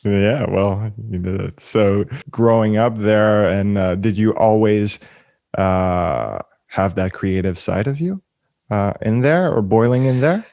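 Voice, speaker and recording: A male podcast host with a low-set voice speaks in a dry, close recording. He encourages his guest warmly and stumbles through his questions with fillers. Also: takes it slowly, gravelly, no echo, highs cut off. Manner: encouraging, with many fillers and restarts. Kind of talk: casual interview chat.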